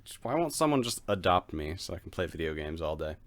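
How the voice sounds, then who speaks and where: A man with a low voice that swings widely in pitch, co-hosting a gaming podcast. He laughs often and makes self-deprecating jokes in casual chat. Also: sing-song, fast. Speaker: podcast co-host.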